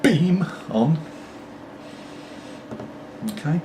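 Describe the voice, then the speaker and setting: A man's voice: fairly high pitch, animated, extremely slow, mellow. British male vlogger, middle-aged, meandering pipe-in-mouth chat, off-mic and noisy home recording. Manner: talking while puffing on a pipe; meandering, apologetic asides. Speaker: pipe-smoking video blogger. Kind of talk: casual rambling chat to camera. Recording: distant mic, clearly noisy background.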